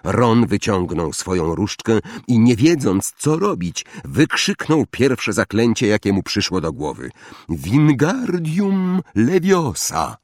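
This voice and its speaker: A man narrating a story for an audiobook in an expressive, dramatic way. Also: lowish voice, a little slow, hardly any pauses, dry recording, clean studio sound.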